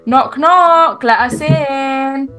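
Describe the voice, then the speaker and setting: A woman plays a firm, patient mother in a game role-play, giving her kids instructions in a slightly high voice. Light music plays in the background. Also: extremely slow, fairly bright tone, exaggerated voice.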